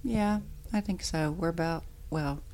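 A middle-aged woman chatting casually as a podcast guest, animated, candid and self-deprecating. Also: fairly low pitch, unhurried, slight background noise. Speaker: podcast guest, the host's mother. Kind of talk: casual interview chat. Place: indoors at a dining room table at home.

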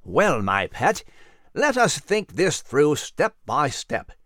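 A man voicing a courteous storybook animal with spectacles, reasoning things through step by step in a slightly raised, expressive tone. It is a close, dry read. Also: fairly high pitch, slow pace, dry recording, full character voice. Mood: musing. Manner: courteous and methodical, says "my dear". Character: bespectacled male animal, fussy polite gentleman. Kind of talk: storybook character voice.

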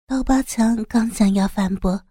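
A woman narrating an audiobook story in an even, measured way. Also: on the high side, breathy edge, no echo, clean studio sound.

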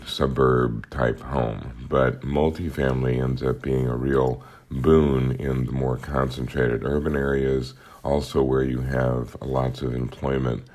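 A man with a gravelly, hoarse and tired voice, presenting a market outlook as a podcast host in a measured, explanatory way. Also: very deep voice, a little mellow. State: hoarse, tired voice from two weeks on the road. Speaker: podcast host, economic analyst.

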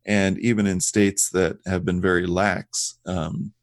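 Give me a low-pitched man co-hosting a talk show in a loose, meandering way, recorded dry and close. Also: flat delivery, a little slow, dry recording. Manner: rambling, frequent fillers and restarts. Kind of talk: casual conversational discussion.

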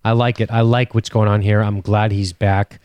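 A man co-hosting a casual podcast chat, animated and joking, swearing freely. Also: on the low side, moderate pace, clean tone, dry recording, dull audio. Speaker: podcast co-host. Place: home studio.

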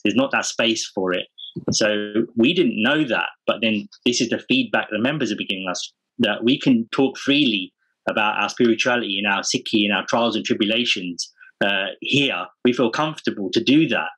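Earnest man with a lowish voice. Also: a bit bright, breathy edge, rough recording. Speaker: podcast guest, parenting community founder. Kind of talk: casual conversational interview.

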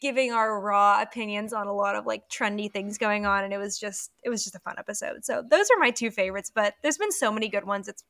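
A young woman co-hosting a casual podcast, gushing about her favorites in an animated way with plenty of "like" fillers. Her voice is bright and lively. The sound is dry and close, with no room around it. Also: mid-range voice, fast talker, few pauses, no room sound. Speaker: podcast co-host. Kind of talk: casual chat.

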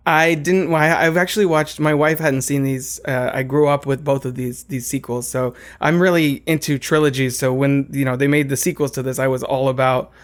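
A man chatting on a podcast, relaxed and rambling. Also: medium pitch, fairly quick, hardly any pauses. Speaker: podcast co-host. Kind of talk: casual podcast chat.

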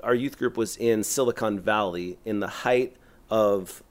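A middle-aged man, a youth pastor, telling a long story on a podcast in a rambling, animated way full of "like". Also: on the low side, a little slow. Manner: animated, rambling, heavy use of "like".

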